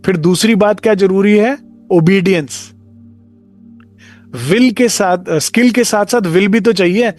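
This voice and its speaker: A man's voice: sits high, a little slow, pauses often, a little mellow, faint music behind. A man giving a devotional discourse as a spiritual teacher, talking conversationally and acting out short dialogues.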